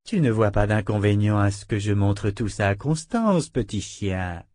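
A man putting on a higher voice for a cruel, mocking woman torturer in an audiobook. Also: expressive, moderate pace, a little mellow, no echo, studio quality, lightly acted. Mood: taunting.

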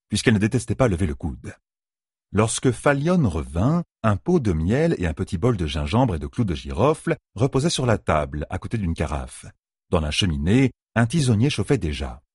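A male audiobook narrator reads a novel with a low, slightly husky voice. His intonation swings widely and expressively. The recording is dry and close, with no room sound. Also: sing-song, normal speed, no room sound. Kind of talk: scripted narration.

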